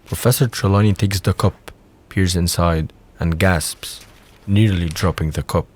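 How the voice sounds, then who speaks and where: The narrator of this audio drama has a strikingly deep voice, steady in tone and measured in pace. Between lines of dialogue, he reads out the scripted stage directions and scene descriptions.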